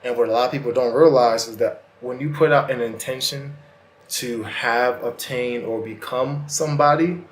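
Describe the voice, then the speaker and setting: Poor audio with a little hiss or hum and a roomy sound carries this man's mid-range, steady voice at a moderate pace. He hosts a self-help vlog, speaking earnestly and colloquially to the viewer in a casual motivational monologue, with slightly lisping, slurred speech due to a retainer.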